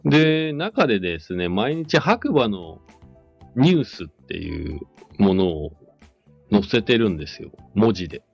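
A man's voice: on the low side, sing-song, unhurried, creaky, breathy edge. A man hosting a casual live radio chat, speaking politely and chattily. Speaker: radio host. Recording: dull lo-fi audio, faint music behind. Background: faint music.

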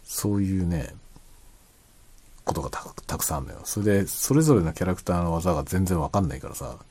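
A man chatting casually and quietly late at night, rambling as he explains, often trailing into soft asides. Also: lively intonation, fast talker, breathy edge. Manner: quiet, low-voiced late-night talk. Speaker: streamer chatting to listeners.

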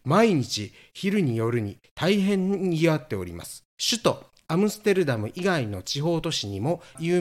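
A middle-aged man co-hosting a podcast, telling stories in a camp, playful way. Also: fairly high pitch. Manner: camp, playful storytelling with animated swings. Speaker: podcast co-host. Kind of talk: casual chat.

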